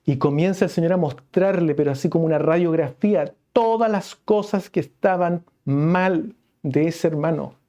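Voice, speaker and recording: A man's voice: a little high, moderate pace, few pauses, dark tone. A man preaching a sermon in an earnest, emphatic way, often addressing listeners directly.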